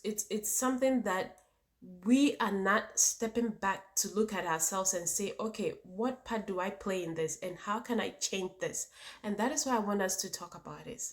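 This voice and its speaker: A woman with a Ghanaian accent speaking emphatically to her viewers as a vlog host, repeating points and posing rhetorical questions. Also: medium pitch. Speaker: vlogger and channel host. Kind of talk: opinionated personal talk to viewers.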